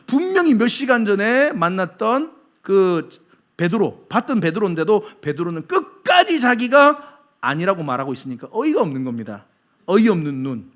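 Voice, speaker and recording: A male pastor with a Busan Gyeongsang accent, preaching a sermon and putting rhetorical questions to his congregation. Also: high-pitched. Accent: Busan Gyeongsang Korean. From Busan, South Korea.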